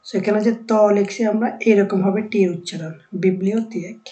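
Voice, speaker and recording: Mellow-voiced woman teaching vocabulary. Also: mid-range voice, highs cut off. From Bangladesh. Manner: repeats each word slowly, then explains it. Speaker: language teacher. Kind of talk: vocabulary lesson.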